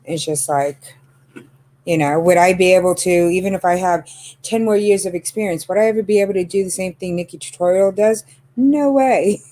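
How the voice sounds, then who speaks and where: A dark, fairly low female voice at normal speed belongs to a woman in her fifties hosting a relaxed makeup conversation on her channel. She's chatty, laughing a lot and using many fillers.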